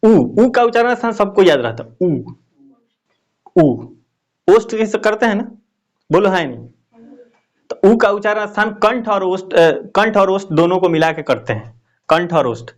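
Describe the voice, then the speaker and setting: A man's voice: sits high, expressive, normal speed. A male teacher giving a classroom lesson, often asking questions and repeating the answers.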